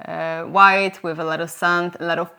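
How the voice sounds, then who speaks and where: A young woman co-hosting a vlog, speaking in a calm, measured way with occasional fillers. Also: lowish voice, clean tone. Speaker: vlog co-host. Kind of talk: casual conversational vlog chat.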